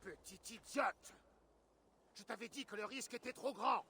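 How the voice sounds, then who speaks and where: A man's voice: on the high side, animated, a little slow, slight background noise. An actor voicing a stern, proud male Viking king in a dubbed video game, speaking with a commanding, scolding manner. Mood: angry. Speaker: war leader.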